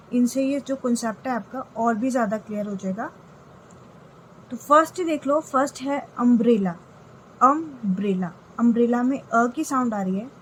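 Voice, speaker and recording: A woman's voice: fairly high pitch, a little hiss or hum, poor audio. A woman English teacher giving a grammar lesson, explaining step by step and often checking in with her students.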